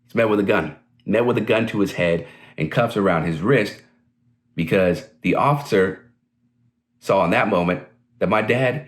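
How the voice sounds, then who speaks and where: A man in his twenties from Washington, D.C., telling a story directly in the present tense. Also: sits low. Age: 20s. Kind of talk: personal testimony to camera.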